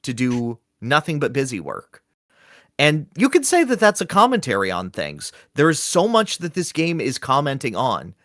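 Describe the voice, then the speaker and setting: Animated man in casual gaming chat. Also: mid-range voice, no echo, studio quality. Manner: animated, slips into quick comic voices for quoted lines. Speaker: podcast co-host.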